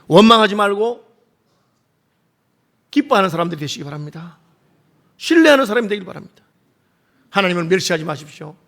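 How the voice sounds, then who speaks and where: A male pastor delivers a sermon in a church, his voice sitting notably high for a man. He preaches with emphasis, pressing his points home with rhetorical questions he then answers himself. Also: animated, fairly quick, long pauses, a bit bright. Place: church sanctuary.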